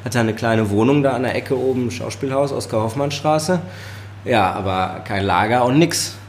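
In this laid-back podcast conversation, the man, a chef and sommelier with a Ruhr German accent, speaks in a mid-range voice at normal speed. He often laughs while telling stories and uses many fillers, with a touch of hiss or hum.

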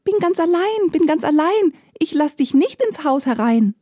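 Woman doing a teeny squeaky little piglet, storybook, dry close voice. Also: very animated, moderate pace, dark tone, no room sound. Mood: defiant. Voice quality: squeaky high. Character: tiny frightened piglet, high squeaky voice.

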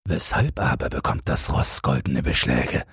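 Man doing a gruff, curt blacksmith. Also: very deep voice, animated, moderate pace, fairly bright tone, dry recording, studio quality, pitched below the performer's own voice, exaggerated voice. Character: gruff, blunt male blacksmith. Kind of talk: storybook reading.

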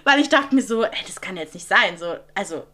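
Bright-voiced young woman telling a story. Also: mid-range voice, fairly quick, faint music behind. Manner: lively retelling full of quoted dialogue and fillers. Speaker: podcast guest. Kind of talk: casual storytelling.

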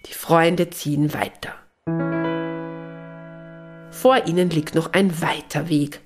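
A woman narrating a children's Christmas story in a calm, gentle way. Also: deep voice, takes it slowly, over music.

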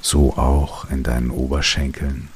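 A man narrating a guided relaxation sleep story in a calm, soothing way, with long pauses between short phrases. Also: very deep voice. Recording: steady rain noise behind the voice. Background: rain.

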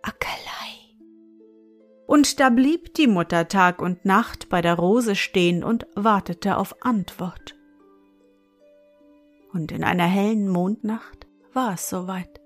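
A calm woman reads a bedtime fairy tale in a soothing, gentle voice. She takes her time over every phrase, with a mid-range tone. Soft music plays faintly underneath. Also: mid-range voice, slow. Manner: calm, soothing, softly whispered at times. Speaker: bedtime story narrator. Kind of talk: bedtime story reading.

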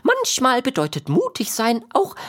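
A woman's voice: high-pitched, wildly swooping pitch, measured pace, fairly bright tone, heavily acted. A woman playing a kind friend in a children's audio drama, speaking expressively and reassuringly.

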